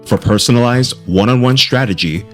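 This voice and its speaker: A man reading a scripted podcast outro in a smooth promotional manner. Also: medium pitch, brisk. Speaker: podcast announcer. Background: guitar music.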